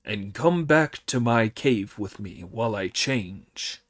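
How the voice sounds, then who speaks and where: A man voicing a wily monkey king who poses as an old demon king, in a slow, sly, mock-grave manner. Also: on the low side, lively intonation.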